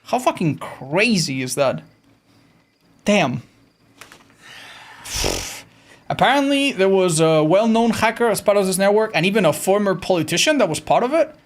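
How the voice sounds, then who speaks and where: A man streaming a video game, chatting casually with his viewers in a slightly raspy, tired voice, animated and swearing freely. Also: high voice, normal speed, long pauses. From Andorra. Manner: animated, swearing, answers chat while playing. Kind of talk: casual live-stream chat.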